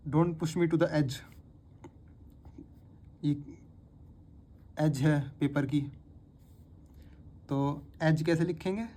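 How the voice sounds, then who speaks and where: Teacher walking beginners through shorthand strokes, recorded on a phone, with steady and patient repetition. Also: medium pitch. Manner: patient, repeats each word several times. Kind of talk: step-by-step spoken lesson.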